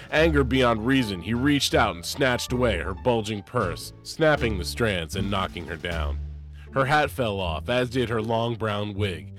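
A man narrating a story expressively, lifting his pitch for emphasis.

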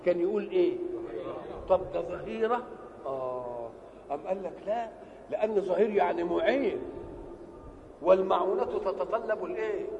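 An older Egyptian man, a religious scholar, gives a Quranic exegesis lesson in an Egyptian Arabic accent, posing rhetorical questions and answering them himself. His voice is creaky, and his loudness is uneven, often dropping low. The old lo-fi hall recording has echo and background noise.

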